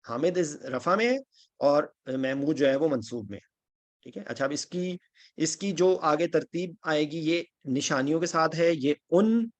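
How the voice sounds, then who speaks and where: A man's voice: fairly high pitch, expressive, unhurried. Patient man teaching Arabic grammar. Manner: patient, repeats "theek hai?" to check understanding; lists Arabic word forms one after another. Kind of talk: online Quran grammar lesson.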